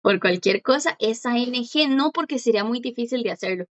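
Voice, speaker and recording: A woman teaching a language class online, patiently explaining and slowly repeating words for her students. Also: a little high, lively intonation, highs cut off.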